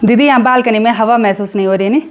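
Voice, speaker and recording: Racing along in a voice on the high side, a young vlogger from Uttarakhand, India, chats cheerfully while filming outdoors around her hill village on a phone camera. She narrates casually and teases her neighbours.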